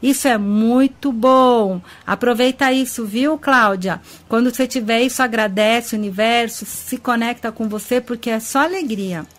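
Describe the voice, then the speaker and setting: A woman host speaking with a Brazilian Portuguese accent talks on a studio web radio program about ufology and spirituality, her voice on the high side at normal speed with hardly any pauses. Affectionate and chatty, she greets listeners by name and laughs often.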